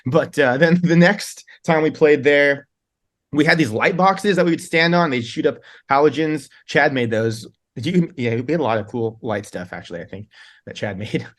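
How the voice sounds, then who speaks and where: A man's voice: a little high, animated, normal speed. A man, a band's singer, telling long rambling tour stories in a casual interview, laughing often and restarting his sentences. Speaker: band singer, guest.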